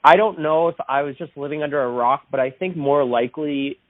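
A man's voice: fairly high pitch, fairly quick, no room sound. Man talking over a tinny phone line. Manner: loose and rambling, self-deprecating. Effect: heard over a phone line. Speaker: interview guest, musician. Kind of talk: casual chat. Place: at home indoors.

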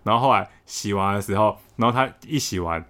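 Guy on a chat podcast, talks fast, animated storyteller, laughs a lot. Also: fairly low pitch. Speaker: podcast co-host.

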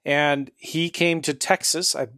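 A man's voice: a little high, steady tone, measured pace, pushed and bright, no echo, clean studio sound. A man hosting a podcast, upbeat and chatty, often laughing as he talks. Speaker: podcast host. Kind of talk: casual interview chat.

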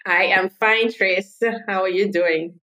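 A woman's voice: medium pitch, steady tone, slow, bright, forceful tone, low-quality recording. A woman in her thirties from Trinidad and Tobago, chatting as a podcast guest and telling stories from her work. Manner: chatty storytelling. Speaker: guest, marketing consultant. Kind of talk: podcast interview.

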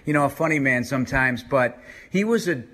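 A man's voice: medium pitch, lively intonation, fairly quick, fairly bright tone. A man hosting a sports radio show, chatty and wry, recapping the news and reading sponsor notes. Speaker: radio play-by-play host. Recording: broadcast from a remote trip.

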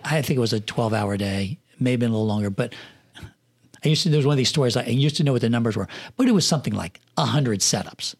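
A man's voice: medium pitch, expressive, quick pace. A middle-aged man, a film production manager, telling rambling anecdotes in a casual podcast interview, with many fillers and restarts.

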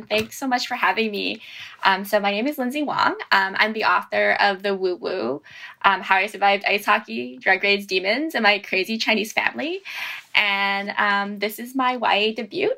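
A woman's voice: mid-range voice, moderate pace, vocal fry, pushed and bright. A woman author on a panel, bubbly and peppered with ums. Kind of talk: casual panel discussion.

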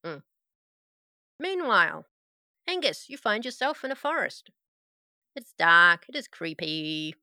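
A woman's voice: mid-range voice, very animated, unhurried, pauses often, bright, forceful tone, dry recording, studio quality. A woman game master narrating a tabletop game with casual banter and a wry, sarcastic manner.

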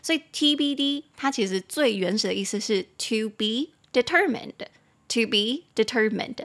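A young woman hosting an English-teaching podcast, chatting casually, laughing often and slowing down to spell words out letter by letter. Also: a little high, expressive, fairly bright tone.

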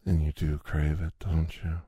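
A man speaking in an intimate roleplay style, soft and lingering, slipping between a low voice and a whisper. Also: level tone, husky, no echo, studio quality. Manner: slow, soft, lingering delivery with long pauses.

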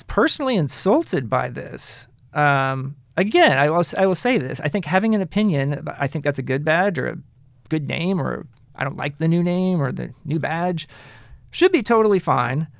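A man hosting a casual soccer talk show, animated and emphatic, often stopping and restarting his sentences. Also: on the high side, a little slow, creaky, clean tone, no room sound, clean studio sound. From Kansas City area, United States. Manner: animated, emphatic, self-interrupting. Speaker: podcast host.

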